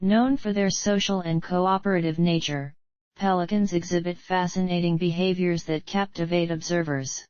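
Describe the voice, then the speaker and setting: A woman's voice: on the low side, steady tone, moderate pace, darkish tone, smooth, no room sound, dull audio. A woman reading polished, explanatory nature documentary narration from a script.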